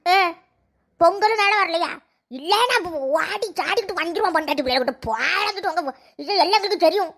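A woman voicing a sharp-tongued old village mother in a cartoon, speaking in a scolding, sarcastic way. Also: very high voice, fairly quick.

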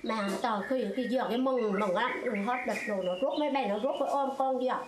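An older former stage actress from Phú Yên, telling a wartime memory in an animated, exclamatory way. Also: female voice, quick pace, echoey room, background noise. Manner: animated storyteller, pitch leaping high in exclamations. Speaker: former hát bội actress. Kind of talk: emotional war memory interview.

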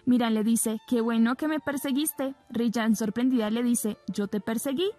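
A woman's voice: on the high side, steady tone, normal speed, mellow, faint music behind. A woman narrating a recap of a TV drama episode, retelling scenes and reading the characters' lines in her own plain voice. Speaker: soap opera recap narrator.

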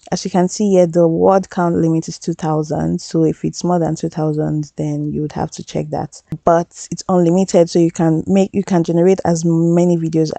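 A woman's voice: low voice, vocal fry, warm tone, dry recording. A woman hosting a tutorial, talking over a screen recording in a chatty, upbeat, reassuring way and often restarting her phrases. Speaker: tutorial host.

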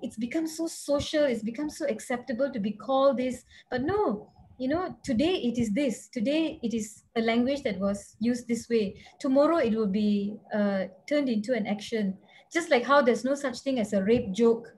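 A woman's voice: a little high, moderate pace, a little mellow. Earnest woman on a video call. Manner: earnest, emphatic, with frequent fillers. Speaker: member of parliament, panelist. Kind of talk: webinar panel remarks. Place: indoor home room, virtual background.

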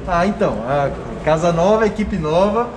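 Friendly Brazilian shop owner, echoey room. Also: male voice, high voice, moderate pace, noisy background. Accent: Brazilian Portuguese. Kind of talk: casual interview. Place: motorcycle shop indoors.

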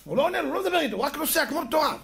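A male rabbi delivering a lesson through stories, his voice sitting fairly high. He talks animatedly, throws rhetorical questions at his listeners and acts out the people he quotes. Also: very animated, noisy background. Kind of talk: storytelling Torah lesson.

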